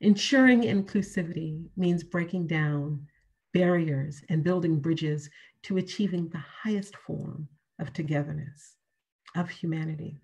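A middle-aged woman giving a prepared keynote lecture over a video call from a room at home, speaking in a measured way with emphatic, repeated key phrases. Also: low-pitched, darkish tone, husky, highs cut off. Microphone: webcam on a video call.

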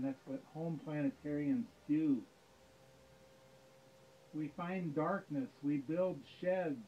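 Slow deadpan man at a stand mic. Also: a little high, narrow, tinny audio, a little hiss or hum. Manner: dry deadpan humor. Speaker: keynote speaker. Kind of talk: joking keynote speech. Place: dim home planetarium room. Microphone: stand mic, camera in front.

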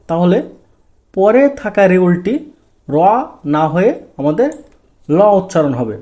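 Teacher, male, high voice; walks through sounds one by one, quizzing and answering himself. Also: mellow. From Bangladesh. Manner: asks the class questions and answers them himself; drawn-out, deliberate stress on key sounds. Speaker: Korean language teacher. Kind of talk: step-by-step pronunciation lesson.

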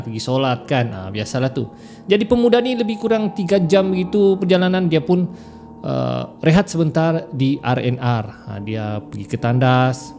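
A man tells horror stories in a relaxed, conversational way and often turns to his listeners. His voice is mellow and dark. Faint music plays underneath. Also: mid-range voice, vocal fry. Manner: chatty, addresses listeners as guys. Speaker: horror story podcaster. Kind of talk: casual horror storytelling.

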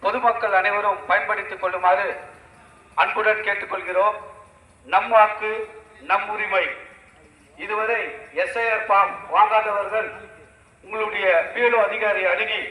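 A man making a public announcement through a loudspeaker megaphone, steadily repeating appeals to the public. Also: sits high, little pitch movement, moderate pace, pauses often. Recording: echoey, distant loudspeaker sound.

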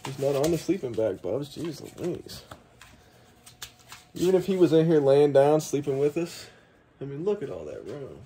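A young man casually walking through his camping gear in a home basement, talking to a handheld phone camera in a relaxed, chatty way. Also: on the high side, moderate pace, husky. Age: young adult. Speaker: outdoor gear vlogger. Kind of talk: casual vlog walkthrough. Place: home basement room, indoors. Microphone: phone camera held close.

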